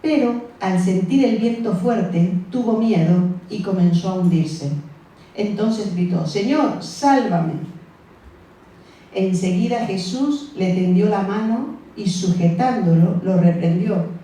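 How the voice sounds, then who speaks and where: A woman's voice: medium pitch, unhurried, mellow, distant mic. Woman preaching in an echoey church hall. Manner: conversational, acts out the disciples' voices, asks the congregation questions. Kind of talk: sermon.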